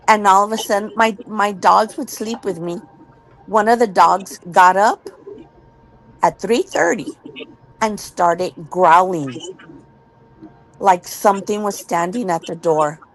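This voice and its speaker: A woman's voice: mid-range voice, fairly bright tone, rough recording. A woman telling a personal ghost story in an earnest, casual way, repeating words when she gets tense.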